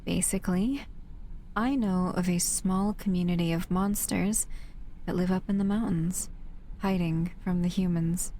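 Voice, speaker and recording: In an intimate audio roleplay, a woman voices a gentle, protective shadow monster, speaking softly and tenderly to the listener. Her voice is lowish and gravelly, with a little background noise.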